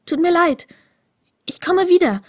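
Woman doing a timid high-voiced young man. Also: animated, unhurried, no echo, studio quality. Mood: hurried, sorry. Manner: unsure, fluttering, softly whispering. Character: timid kind young male visitor, high voice.

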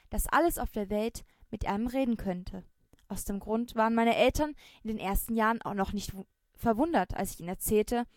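A woman reading a first-person story aloud with expressive, lively storytelling. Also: medium pitch, dry recording, studio quality. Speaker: narrator.

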